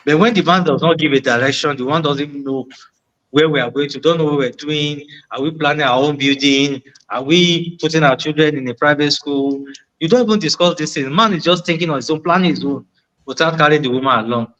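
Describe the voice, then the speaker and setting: A man's voice: fairly high pitch, brisk, a bit bright, dull audio. A man with a West African accent gives conversational relationship advice, repeating key words for emphasis and posing rhetorical questions. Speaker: panel discussion participant.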